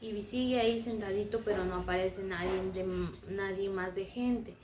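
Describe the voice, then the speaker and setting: A woman teacher retells a story for young children, slowly and simply, often restarting a phrase. Her voice sounds roomy and sits back from the mic, with faint background sound. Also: mid-range voice, background noise. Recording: roomy and distant.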